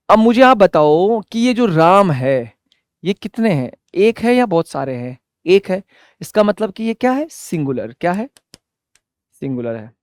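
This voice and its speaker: Loud high-voiced man teaching English. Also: no echo, studio quality. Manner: loud and energetic, asks and answers his own questions; drills example sentences slowly word by word. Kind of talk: classroom lesson.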